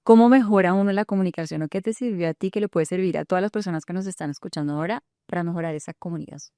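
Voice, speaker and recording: A woman hosting a podcast interview, asking quick, animated questions. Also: fairly low pitch, no echo, studio quality. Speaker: podcast host. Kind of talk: conversational interview.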